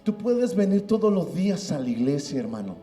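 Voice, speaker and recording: A middle-aged man delivering a sermon as pastor, his pitch rising and falling with great liveliness. His voice is mellow and warm. He talks emphatically, often calling out to his listeners as brothers. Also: big pitch swings, brisk, roomy sound, faint music behind. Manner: emphatic, repeats "hermano" often.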